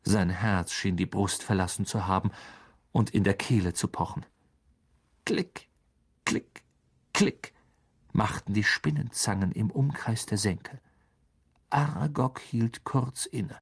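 A man narrating a fantasy audiobook in a measured, dramatic reading style. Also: on the low side, husky. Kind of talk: scripted narration.

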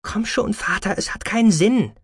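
A man's voice: high voice, moderate pace, breathy edge, no echo, studio quality, pitched above the performer's own voice. A man voicing a young woman, the surgeon's sensible daughter, who pleads with her father. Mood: pleading. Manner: pleading, reasoning.

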